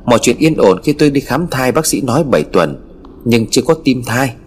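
Expressive male ghost story narrator. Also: medium pitch, a little fast, a little hiss or hum. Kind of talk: scripted first-person ghost story narration. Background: faint music.

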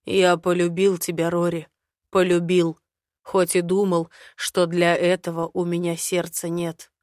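A woman's voice: on the low side, monotone, a little slow, no room sound, studio quality, close to an everyday voice. A woman reading an audiobook, voicing a stern, powerful man who speaks firmly and makes grave vows. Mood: vowing. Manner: firm, forceful, vowing.

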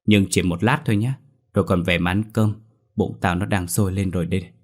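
A man's voice: low voice, fairly even intonation, fairly quick. A man voicing a talkative, teasing village man in his thirties in a storybook reading.

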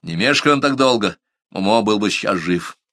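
A man's voice: lowish voice, moderate pace, fairly bright tone, no echo, studio quality, lightly acted. A man reading the part of a proud, stubborn young man in an audiobook, speaking in strained, clipped replies. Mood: firm.

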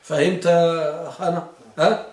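A man's voice: on the high side, steady tone, moderate pace, reverberant. A man teaching a grammar lesson, quizzing his students with repeated questions and reciting in a sing-song lilt.

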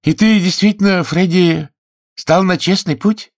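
A man's voice: sits high, a little slow, no room sound, studio quality, pitched above the performer's own voice. A man reading a story aloud and voicing a cheeky, restless young woman thief with a coy, teasing manner. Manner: coy, teasing, then defiant. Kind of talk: audiobook character voice.

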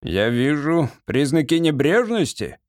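A man's voice: fairly high pitch, unhurried, dry recording, studio quality. A man voicing an impatient, hot-tempered male lord who barks orders, in an audiobook. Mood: commanding. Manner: shouting, commanding, excitable.

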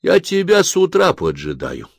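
A man reading a story and voicing a calm, grey-haired older soldier who speaks with steady, dry irony. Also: a little high, normal speed, creaky, no echo, pitched above the performer's own voice, full character voice. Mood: mocking. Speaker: corporal in a war story. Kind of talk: audiobook character voice.

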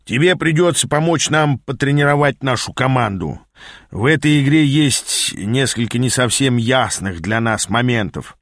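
A man's voice: medium pitch, lively intonation, moderate pace, a bit bright, dry recording, studio quality. A man reading an audiobook, voicing a scheming male demon mentor who talks in a sardonic, grumbling way. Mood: brisk.

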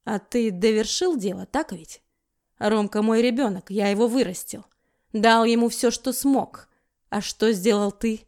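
A gruff, commanding man who snaps orders and cold taunts, as a woman narrator puts him on. The reading keeps him harsh and clipped. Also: fairly high pitch, unhurried, darkish tone. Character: tough commanding man shielding his woman.

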